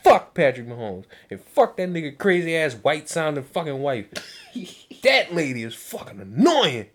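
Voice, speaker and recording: Loud trash-talking podcast host man. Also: a little high, sing-song, normal speed. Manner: loud, boastful trash talk with lots of swearing. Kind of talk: casual podcast banter. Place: indoor room with friends.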